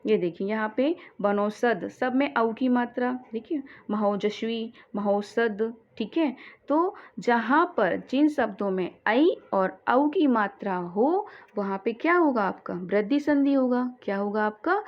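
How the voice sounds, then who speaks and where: A woman's voice: on the high side, lo-fi sound. Woman teaching grammar, repeats herself. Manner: repeats questions and answers them herself, says "ठीक है" often. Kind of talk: classroom-style grammar lesson.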